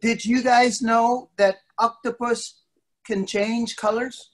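This middle-aged man leads a young children's class by video call from an indoor studio, making the storytelling interactive with playful, drawn-out words and mock surprise. His very high voice is fairly bright but shows little pitch movement. A device mic a short distance away captures him, along with background noise and clicks.

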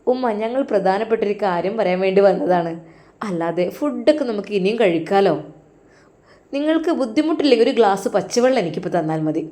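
A woman voicing a respectful young son-in-law. He speaks calmly and courteously. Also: mid-range voice, fairly quick, close to an everyday voice. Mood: polite.

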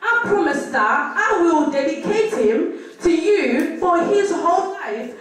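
Woman, church reader and interpreter, lively voice, quick echoing delivery, distant mic. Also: very high-pitched. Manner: quick, echoing each line straight after the preacher. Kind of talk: reading scripture, then interpreting a sermon line by line. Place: church hall. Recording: echoey church hall from far off.

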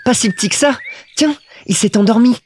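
A man voicing a small, earnest and curious boy prince in an audiobook, speaking high and insistently. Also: fairly quick, darkish tone, slight background noise. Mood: wondering.

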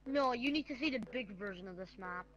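A man chatting casually while playing a video game, excitable and often tripping over his own words. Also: extremely high pitch, fast talker, highs cut off. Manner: excitable, stumbling restarts. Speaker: gaming friend. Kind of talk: casual gameplay chat.

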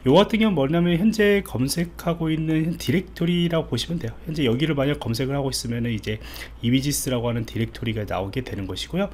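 Fast and with few pauses, a man with a mid-range, darkish voice narrates a screen-recorded coding tutorial indoors. He is an IT instructor explaining step by step in an informal way, thinking aloud as he types, and there is clearly audible background noise.

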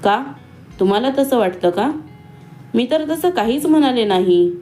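A woman voicing a young female college student who talks in a quick, teasing and pointed way. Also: a little high, animated, mellow, soft background music, lightly acted. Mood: spirited.

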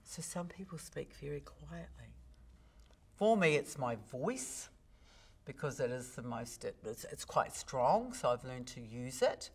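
A woman's voice: measured pace, slightly rough. A woman speaking coach, explaining technique in a podcast interview and acting out her examples. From New Zealand. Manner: expressive, demonstrates pitch with big vocal swings.

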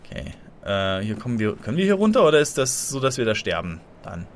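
A man commentating a blind let's play, excitable and easily startled, chatting to viewers and making little sound effects as he plays. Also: on the low side, fast, slight background noise.

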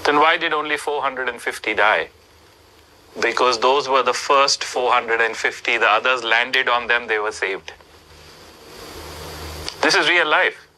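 Middle-aged man, very bright edgy voice, animated storyteller, studio interview. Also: medium pitch, a little slow, long pauses, a little hiss or hum, low-quality recording. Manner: animated storyteller, rhetorical questions. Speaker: speaker in an interview clip. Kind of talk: storytelling talk. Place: indoors, plain studio backdrop.

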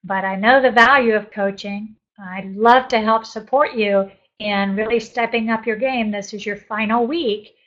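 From her bookshelf-lined home office, a woman in her sixties leads a live group coaching webinar, reading out chat messages and answering them. Her medium-pitched voice is fairly bright, the sound lo-fi, and she stays upbeat and encouraging with frequent laughter.

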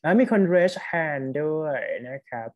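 A man with a Thai accent teaching an online English test class, mixing Thai with English and reading test lines slowly. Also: a little high.

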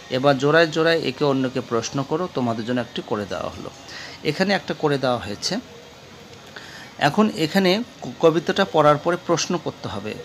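A male teacher with a Bangladeshi accent explaining a textbook lesson, asking questions and answering them himself, repeating key words slowly. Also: on the high side, a little hiss or hum. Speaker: English teacher.

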